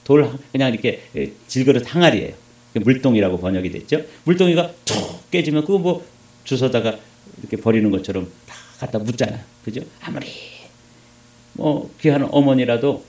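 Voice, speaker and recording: A man preaching a sermon as a pastor, moving between loud emphasis and hushed asides while asking the congregation questions. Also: medium pitch, expressive, a little fast, roomy sound. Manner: addresses congregation with rhetorical questions.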